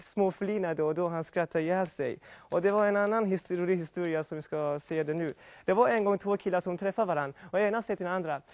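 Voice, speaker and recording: A man with a rather high voice casually introduces sketches and tells jokes. He rambles and trips over his words, restarting often. The sound is dry and close. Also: darkish tone, no room sound. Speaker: amateur comedian doing impressions. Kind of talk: casual sketch and joke telling.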